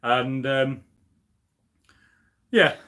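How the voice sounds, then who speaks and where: Very slowly and with a sharp tone, a young man from the UK speaks at medium pitch. He hosts a history channel and chats casually on a home live stream, rambling with lots of fillers and restarts, captured by a tripod-mounted camera.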